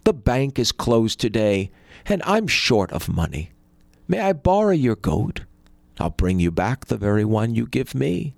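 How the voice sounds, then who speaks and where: A man's voice: medium pitch, big pitch swings, unhurried, gravelly, a little mellow, no echo. A man voicing a rich, stingy and suspicious peasant who talks in a curt, grudging way.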